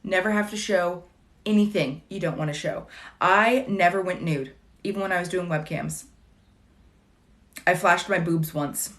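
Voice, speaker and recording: A woman's voice: fairly low pitch, unhurried, long pauses, fairly bright tone. Wry, chatty woman on a livestream. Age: late 30s. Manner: chatty, wry and digressive, with dry jokes. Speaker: livestream host answering viewer questions. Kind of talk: casual livestream chat.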